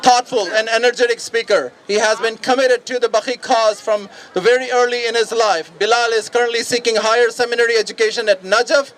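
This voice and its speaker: A man's voice: extremely high pitch, fairly even intonation, a little fast, hardly any pauses, fairly bright tone. A man emceeing a rally outdoors, thanking a speaker and introducing the next in a hesitant, polite way. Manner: hesitant, many fillers and restarts, polite. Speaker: event emcee. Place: outdoors at a street demonstration.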